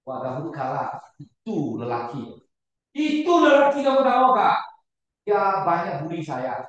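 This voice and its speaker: Animated preacher in an echoey church. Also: male voice, fairly high pitch, measured pace, muffled recording. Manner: animated, repeats words, shouts for emphasis. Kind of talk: sermon with questions to the congregation. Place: church hall. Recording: very echoey church hall, far from the mic.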